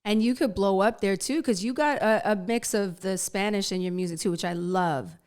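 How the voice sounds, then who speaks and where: A woman's voice: medium pitch, normal speed, darkish tone, clear, resonant tone. A woman hosting a casual interview, upbeat and affirming as she asks her questions. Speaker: interview host.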